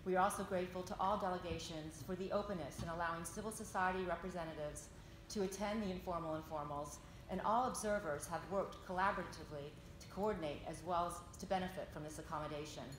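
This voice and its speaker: Echoey low-voiced woman delivering a formal statement. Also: steady tone, fast talker, hardly any pauses. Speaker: NGO delegate speaking for an alliance. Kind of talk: formal prepared closing statement, read out. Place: large indoor conference meeting room. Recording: echoey conference hall, background noise.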